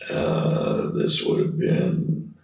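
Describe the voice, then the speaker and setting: An older American man from California reminisces casually as an interview guest, in a halting, rambling way. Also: darkish tone, slight background noise. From California Bay Area, USA. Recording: roomy, distant computer-speaker pickup.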